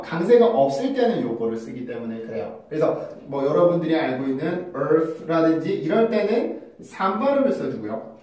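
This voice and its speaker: A man with a fairly high, slightly mellow voice teaches English pronunciation in a casual video lesson, explaining patiently and shifting between polite and casual speech. He's recorded on a phone camera with a mic attached, placed at a distance in a very echoey room.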